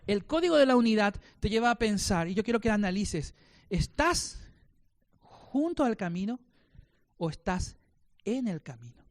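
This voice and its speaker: A high-pitched male pastor, preaching a sermon. He asks the congregation rhetorical questions and acts out the voices of people he quotes. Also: big pitch swings, moderate pace, long pauses.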